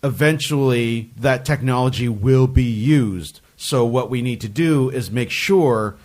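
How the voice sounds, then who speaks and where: A man co-hosting a comedy science podcast. His voice sits at an ordinary middle pitch. He explains research in loose, joking, animated chat. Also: unhurried. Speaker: podcast co-host.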